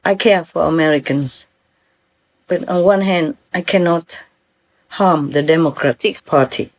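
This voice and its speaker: An older Vietnamese woman with a Vietnamese accent gives an earnest, informal talk as a spiritual teacher, often checking that her listeners follow. Her voice is deep and her pace measured.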